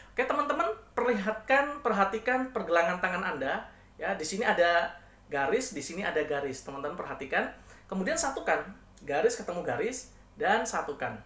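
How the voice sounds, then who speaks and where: A man teaching hypnosis techniques, talking to his viewers as friends with an animated, demonstrative delivery. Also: a little high, echoey room. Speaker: hypnosis coach. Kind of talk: instructional talk to viewers.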